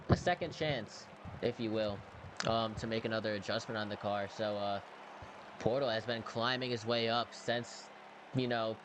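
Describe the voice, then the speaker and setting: A man giving casual color commentary on a race in an informal, slightly hesitant way. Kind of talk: casual racing analysis. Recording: very noisy audio with vehicle-like rumble.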